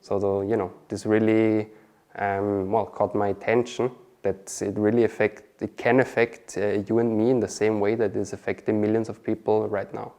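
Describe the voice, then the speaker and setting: A man's voice: on the low side, flat delivery, normal speed, darkish tone. A man from Austria, a marketing specialist chatting as an interview guest, often adding "okay?" and "you know". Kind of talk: casual interview answers.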